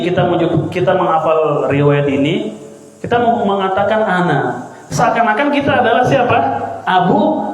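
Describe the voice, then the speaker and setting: High-voiced male teacher in an echoing hall. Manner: quizzes the audience with repeated rhetorical questions. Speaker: Islamic teacher. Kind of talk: religious study lesson. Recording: booming echo, long hall reverb.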